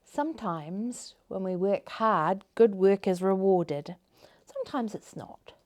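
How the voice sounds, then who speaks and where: A woman with a mid-range voice reads a children's story slowly, in an expressive, dramatic way. She drops into hushed tones for effect.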